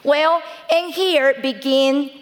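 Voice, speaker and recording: A woman's voice: sits high, steady tone, takes it slowly. A middle-aged woman from Cuba with a Cuban Spanish accent, a native Spanish speaker giving an earnest church testimony, reading scripture and calling for amens. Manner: earnest, preaching, reads scripture aloud, calls out amen to the audience. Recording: long reverb in a large hall.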